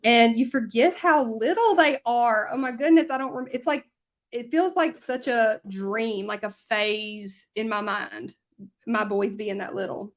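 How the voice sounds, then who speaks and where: A bit high and unhurried, the voice comes from a Louisiana woman in her thirties with a Southern drawl. Teaching hand lettering live, she's chatty and bubbly, talking to viewers casually the whole time she works.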